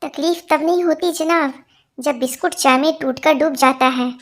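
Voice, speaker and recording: High-voiced woman reading jokes. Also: moderate pace. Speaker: joke narrator.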